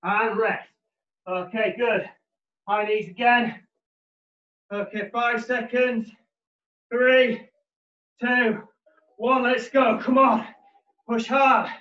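A man's voice: very high voice, steady tone, drawn-out words, pauses often, sharp tone. A man in his thirties, a personal trainer leading a workout while exercising, energetically pushing people on in short gym-bro commands. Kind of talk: live workout instruction. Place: living room, indoors. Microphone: far camera mic across the room. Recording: roomy, muffled, distant home camera audio.

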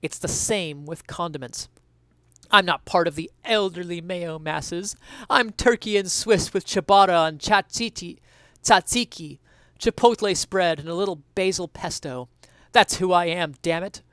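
A young adult streamer reads an essay aloud dramatically on a headset mic in a small room at home, theatrical, mock-indignant and emphatic. His voice sits high and is a bit bright and clean, at a measured pace with no echo.

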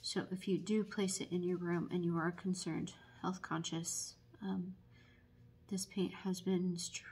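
Woman, painting tutor, slightly husky voice, casual how-to delivery with frequent ums. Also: lowish voice, level tone, darkish tone. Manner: unhurried, many ums, explanatory. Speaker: painting instructor and paint retailer. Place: indoors at a table, painting.

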